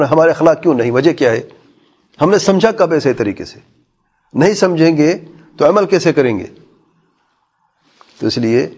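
A man's voice: medium pitch, a little mellow, slightly rough. A man teaching a religious lesson, reading lines of an old text aloud and then explaining each one, often asking his listeners questions. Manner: reads lines in Arabic then explains them, with rhetorical questions.

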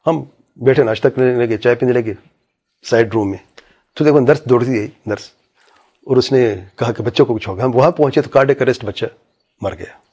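A man's voice: medium pitch, long pauses, a little mellow, slightly rough. A man preaching a religious talk, vividly retelling anecdotes and quoting each person in them. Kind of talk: religious talk with told stories.

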